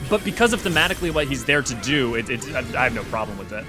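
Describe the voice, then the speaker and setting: A man hosting a casual livestream, reading viewer comments aloud and rambling excitedly with quick restarts. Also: mid-range voice, over music. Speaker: livestream host.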